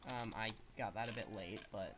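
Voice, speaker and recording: A young gaming streamer with a stuffed-up nose rambles through casual gameplay commentary, explaining the controls as he plays. His voice is lowish and fairly bright, at a moderate pace, with a little hiss or hum in the recording.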